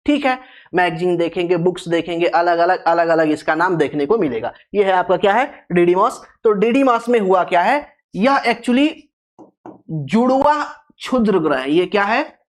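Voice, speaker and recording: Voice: mid-range voice, animated, moderate pace. Teacher drilling terms by repetition. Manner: repeats key terms, poses questions and answers them itself; stretches out terms syllable by syllable for emphasis. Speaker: geography teacher. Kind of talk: exam-prep classroom lecture.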